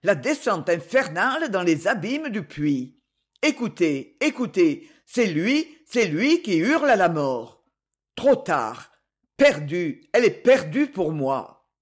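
A hulking male servant gone half mad, his words torn out as roars and gasps, as an audiobook reader voices him. The voice is husky and swings sharply up and down, and he drags out his words slowly. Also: high voice, sing-song, full character voice. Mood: despairing. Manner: roaring, gasping, broken cries. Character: frenzied, brutish giant male servant. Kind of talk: audiobook character reading.

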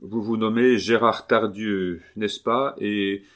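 A man's voice: lowish voice, steady tone, slow, a bit bright. A man playing a grave young monk who speaks firmly and with control. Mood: stern.

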